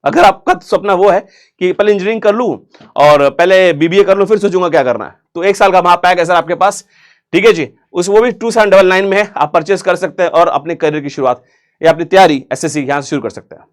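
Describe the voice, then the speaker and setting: A man's voice: high-pitched, brisk. A man teaching vocabulary for an exam in a chatty, joking way, asking questions and answering them himself, with English words in an Indian accent. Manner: chatty, jokey, asks and answers his own questions. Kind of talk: online exam-prep vocabulary lesson.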